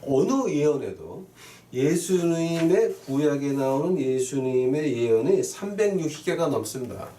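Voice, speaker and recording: In a sermon full of scripture readings and rhetorical questions, a pastor emphatically repeats key phrases to his listeners. His warm voice sits on the high side, sing-song and a little slow. Echo fills the room, the mic is far off, and faint noise is present.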